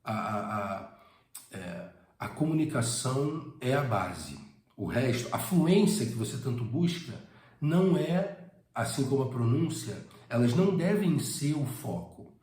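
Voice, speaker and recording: Carioca man, dark mellow voice, roomy echo. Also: mid-range voice, very animated, measured pace. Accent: Rio de Janeiro Portuguese. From Brazil. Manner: conversational, many hesitations and repeated words. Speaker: English teacher. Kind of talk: casual spoken lesson to camera.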